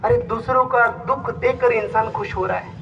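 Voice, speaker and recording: A man's voice: extremely high pitch, moderate pace, gravelly. A man giving a sermon at a devotional gathering, telling humorous anecdotes and repeating phrases for comic effect, impassioned and exhorting. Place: gathering hall with a stage. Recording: distant muffled hall recording, faint noise.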